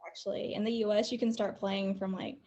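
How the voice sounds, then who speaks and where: A young woman from the American South talks on a video call. Her voice has a gravelly edge, and she keeps her answers brief and upbeat, laughing easily. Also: medium pitch, flat delivery, brisk, mellow. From United States, the South. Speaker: guest, football player. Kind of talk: casual interview over a video call.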